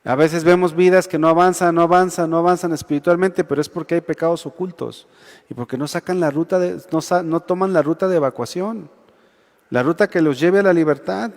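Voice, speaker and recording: A man's voice: a little high, brisk. A man with a Mexican accent preaching a sermon to young adults in a conversational way, often asking his listeners whether they agree. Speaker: youth pastor. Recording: long reverb of a large hall.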